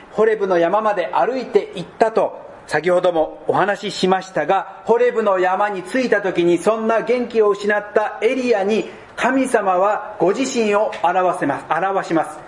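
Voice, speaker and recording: High-voiced man preaching a slow sermon. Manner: slow deliberate preaching, dropping to soft low tones. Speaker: pastor.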